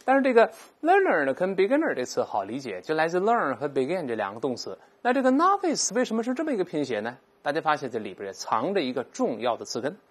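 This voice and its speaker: An English teacher, giving a recorded vocabulary lesson and explaining patiently, repeating each English word slowly aloud for learners. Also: medium pitch, huge pitch swings, breathy edge.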